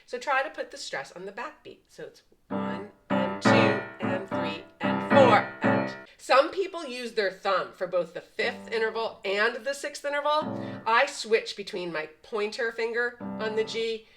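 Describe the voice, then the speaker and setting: A woman's voice: a little high, animated, normal speed, poor audio. A woman teaching piano patterns step by step, patiently explaining and counting the beats aloud. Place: at a piano, indoors. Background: piano playing.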